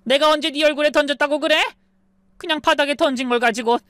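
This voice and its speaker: Lady doing a bossy older mother-in-law, shrill and scolding, dry close sound. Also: quick pace, fairly bright tone, no room sound.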